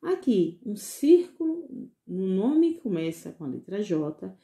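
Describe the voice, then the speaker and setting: Slow, patient preschool teacher woman. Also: mid-range voice, sing-song. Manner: slow, patient, sounding out syllables; gentle coaxing with diminutives. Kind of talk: recorded online lesson for young children.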